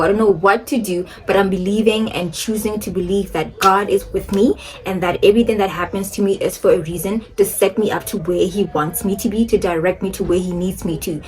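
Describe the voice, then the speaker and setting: A young woman chatting casually to a phone camera while doing her makeup, rambling and laughing often. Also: mid-range voice. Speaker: beauty and lifestyle vlogger.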